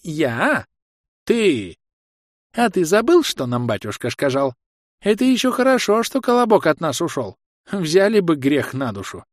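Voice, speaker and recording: A man voicing a fussy, fretful old village grandmother who wails in a shrill, folksy way. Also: very animated, a little slow, no room sound, studio quality. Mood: scolding.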